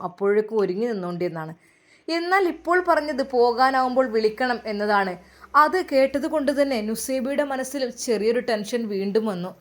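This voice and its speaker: A woman with a Malappuram Malayalam accent narrating a serialized family story, closing with religious greetings. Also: a little high.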